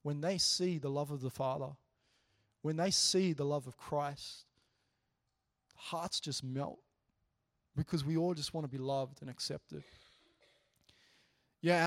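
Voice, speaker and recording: A man delivering a casual, story-driven sermon, voice sitting a little high for a man. He talks earnestly and with animation, often dropping in "you know" as he goes. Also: a little slow, pauses often. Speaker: preacher sharing a testimony.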